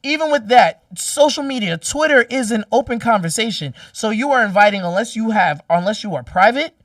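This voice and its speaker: A man's voice: high voice, expressive, a little fast, fairly bright tone, no room sound, far from the mic. A man co-hosting a casual podcast debate, explaining his point at length and cutting in with "wait, hold on". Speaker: podcast co-host. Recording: dry room, voice off-mic.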